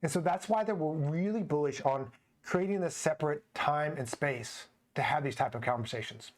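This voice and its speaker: Higher-voiced man trainer co-hosting. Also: moderate pace. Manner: conversational, anecdotal, quotes clients. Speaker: podcast co-host, personal trainer. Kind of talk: casual podcast discussion.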